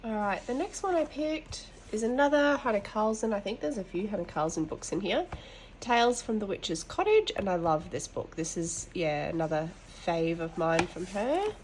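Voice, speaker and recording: A woman with a stuffy, nasal voice from hay fever talks through her work in a loose, chatty way. She rambles and drops quick apologies as she goes, at an ordinary middle pitch. A faint background hiss sits under her voice. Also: animated, darkish tone. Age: adult, mother of boys. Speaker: colouring channel host. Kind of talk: casual show-and-tell chat. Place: at home.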